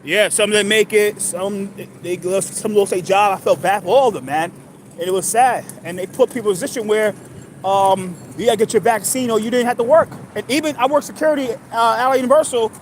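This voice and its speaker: Guy in his 30s from ny, talks in circles, keeps restarting, loud street noise behind him. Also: high voice, poor audio. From New York. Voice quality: repetitive, halting with restarts. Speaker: livestream host. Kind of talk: rambling casual monologue.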